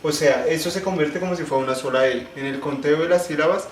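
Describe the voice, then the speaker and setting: Young man explaining poetry terms, echoey room. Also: a little high. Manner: explains step by step, restarts phrases, slows to spell out syllables. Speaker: student presenter. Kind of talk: explanatory class presentation. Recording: echoey room, faint ambient noise.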